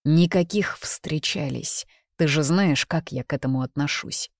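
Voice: mid-range voice, unhurried, no echo, clean studio sound, natural voice. A reader voicing a brash, possessive young man in a romance audiobook, speaking bluntly and coarsely. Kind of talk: audiobook character reading.

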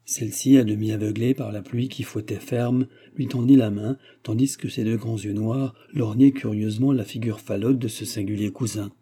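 A man narrating a classic French novel as an audiobook, in a steady, measured reading. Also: fairly low pitch, husky.

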